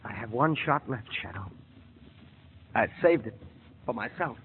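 A man playing a desperate, threatening villain doctor in an old radio drama, with a raspy, gravelly voice. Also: mid-range voice, expressive, unhurried. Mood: defeated. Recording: reverberant narrow old radio recording.

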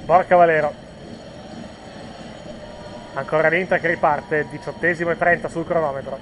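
A man commentates a football match informally and live. His voice sits fairly high, and he hesitates and corrects himself. Faint urban noise is audible behind him. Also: fairly even intonation, normal speed.

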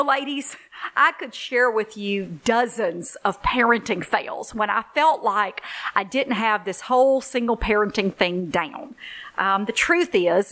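A middle-aged woman hosting a faith-based podcast for single moms, telling stories in an earnest, encouraging way. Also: fairly high pitch. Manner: warm storytelling, earnest and encouraging. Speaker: podcast host, ministry leader.

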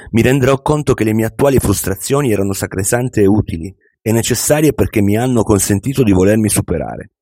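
A wise, unhurried older millionaire , voiced by a man reading an audiobook speaks in measured, instructive tones. The voice sits low and dark with a slightly husky edge. The recording is dry and close. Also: dry recording. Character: wise, calm older male millionaire mentor.

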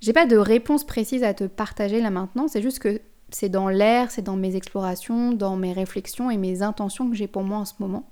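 A woman's voice: medium pitch, a little fast, few pauses, darkish tone. Female podcast host, thoughtful spiritual talk, personal and direct. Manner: reflective, addresses listener directly, frequent restarts.

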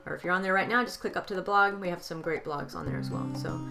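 A woman's voice: fairly low pitch, quick pace, vocal fry, sharp tone, soft background music. A woman co-hosting a podcast in casual chat, laughing often and talking through plenty of fillers over a video call. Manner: chatty and laughing, lots of fillers. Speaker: podcast co-host.

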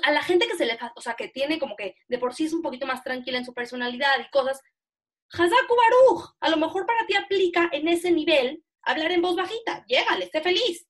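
A young woman with a Mexican Spanish accent teaches an online class in a high, lively voice. She talks fast and chattily and pokes fun at herself. The sound is that of a video call. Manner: chatty, animated, self-mocking. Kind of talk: casual online lesson.

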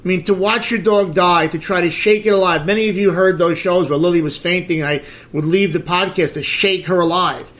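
A man's voice: high-pitched, steady tone, fairly quick, hardly any pauses, a bit bright. A middle-aged man hosting a podcast, ranting about celebrity gossip in a crude, sarcastic way. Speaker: podcast host. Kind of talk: blunt celebrity gossip commentary.

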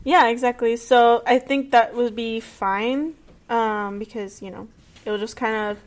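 A young adult woman co-hosting a podcast, speaking in a relaxed, hesitant way with many "um"s. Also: on the high side, measured pace. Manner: relaxed, hesitant, frequent "um" fillers. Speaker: podcast co-host. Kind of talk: casual chat.

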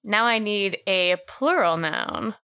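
A woman's voice: medium pitch, expressive, takes it slowly, sharp tone, a little hiss or hum. A woman hosting a podcast who playfully prompts her co-hosts for words in a casual word game. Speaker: host running a word game.

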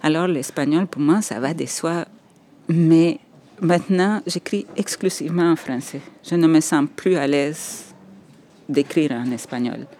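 Looking back on her life in a podcast interview, a woman whose mother tongue is Spanish speaks low and mellow at a measured pace. There's a little hiss or hum in the recording, and she hesitates and laughs as she reflects.

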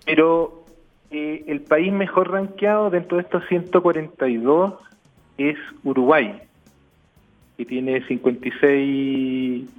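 Guy, higher-ish voice, phone line, explaining stuff in an interview. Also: steady tone, slow pace, soft background music. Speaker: technology executive, radio guest.

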